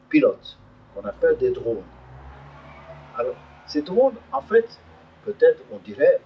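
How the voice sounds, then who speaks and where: An older man from Hungary gives a public talk at an evening debate, his pitch rising and falling in a lively way. He talks hesitantly, with plenty of fillers and restarts. He is picked up by a distant mic in a meeting room, with a faint hum behind him. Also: highs cut off. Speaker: invited speaker. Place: meeting room around a table, above a restaurant.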